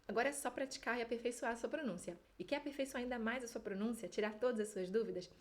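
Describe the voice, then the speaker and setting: A fairly high-voiced woman with a Rio de Janeiro accent leads an online Spanish pronunciation lesson. She drags out each sample word slowly and overstates its vowels before explaining it. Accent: Rio de Janeiro Brazilian Portuguese. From Brazil. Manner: slow, exaggerated modelling of sample words. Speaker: Spanish teacher.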